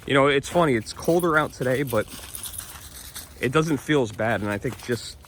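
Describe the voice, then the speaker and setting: A man's voice: mid-range voice, animated, moderate pace, a bit bright, a little hiss or hum. A man from New York's Hudson Valley who rambles in casual vlog chat, laughing often while he walks his dog along a wooded trail outdoors. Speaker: vlogger.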